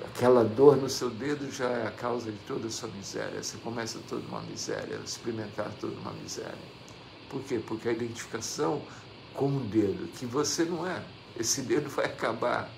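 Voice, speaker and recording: A man with a Brazilian Portuguese accent leads a devotional class, reading scripture and commenting on it at a middling pitch with a gravelly, creaky texture. He repeats key phrases and asks his listeners rhetorical questions. The recording carries a steady noisy room ambience. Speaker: religious teacher. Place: devotional center hall.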